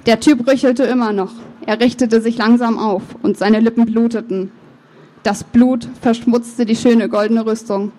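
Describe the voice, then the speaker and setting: A woman author reading her novel aloud, with measured, expressive first-person narration and the odd slip of the tongue. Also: on the high side, slight background noise. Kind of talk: book reading.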